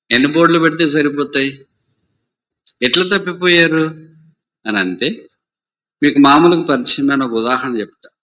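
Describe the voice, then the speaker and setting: A man's voice: medium pitch, bright, forceful tone. A man preaching a sermon with a Rayalaseema Telugu accent, telling a parable in a conversational way and asking the listeners questions. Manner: conversational storytelling, asks the audience questions.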